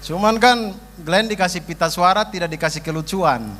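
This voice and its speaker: A man from East Nusa Tenggara in eastern Indonesia performs stand-up comedy with an eastern Indonesian accent, repeating phrases for emphasis. His voice is high and a bit bright at a normal speed, recorded in a reverberant hall with faint noise.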